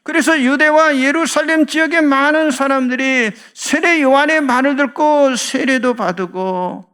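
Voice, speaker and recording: A man's voice: extremely high pitch, measured pace, fairly bright tone. A man preaching a sermon as pastor of a church, earnestly putting questions to his congregation. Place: church sanctuary.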